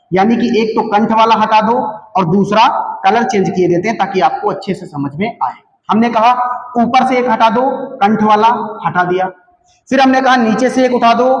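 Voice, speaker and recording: High-voiced male teacher in an echoey hall. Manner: asks questions and answers them himself, counts aloud slowly. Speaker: Hindi teacher. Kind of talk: classroom lecture.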